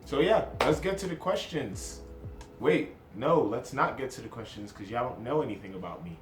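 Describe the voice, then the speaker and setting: A man's voice: medium pitch, expressive, normal speed, roomy sound, faint music behind. A man in his twenties from New Jersey, chatting casually to camera in his first vlog, self-deprecating and hopping from topic to topic. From New Jersey, USA. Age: 20s. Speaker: vlogger.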